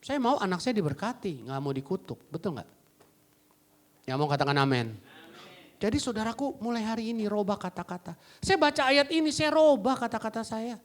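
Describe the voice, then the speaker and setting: A male pastor preaching a lively sermon, swinging between loud exclamations and quiet asides and acting out quotes. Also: high-pitched, brisk. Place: church service.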